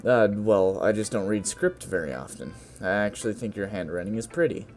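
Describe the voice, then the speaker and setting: A man's voice: fairly low pitch, brisk, a little mellow, slight background noise. A man hosting a let's play, reading the narration and cracking wry jokes between lines. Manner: joking, wry asides. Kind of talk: casual game commentary and narration.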